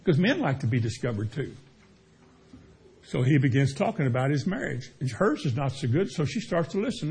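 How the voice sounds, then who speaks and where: A man's voice: on the high side, a little mellow, breathy edge. A man preaching a sermon in a conversational way, putting questions to the congregation. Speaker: pastor.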